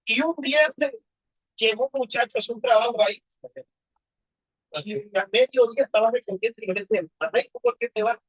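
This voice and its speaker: A man's voice: very high-pitched, fairly quick, fairly bright tone, breathy edge, dry recording, poor audio. A man preaching a personal testimony sermon, telling his story with emotion and asking rhetorical questions.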